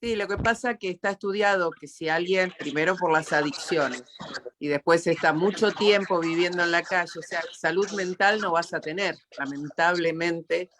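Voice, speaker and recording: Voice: medium pitch, normal speed, a bit bright, slight background noise. An interview host with an Argentine accent, talking reflectively and emotionally, often repeating words. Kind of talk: casual interview talk.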